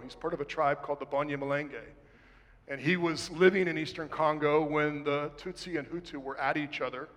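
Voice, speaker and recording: A man delivers an impassioned sermon in a voice set a little high for a man, rising to loud emphasis and dropping to near-whispers. His words echo with a long reverb through a large hall. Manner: dramatic, swings from loud to hushed, slows for emphasis. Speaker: pastor.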